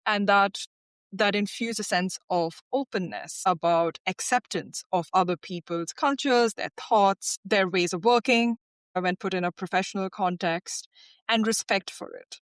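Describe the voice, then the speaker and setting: A woman's voice: lowish voice, lively intonation, measured pace, no echo. A woman from India, a lawyer guest on a podcast, speaking thoughtfully with frequent restarts. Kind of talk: podcast interview.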